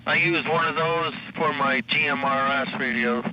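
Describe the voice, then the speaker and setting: A man chatting casually and haltingly as an operator over a two-way radio. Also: a little high. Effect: two-way radio transmission. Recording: muffled, noisy two-way radio signal.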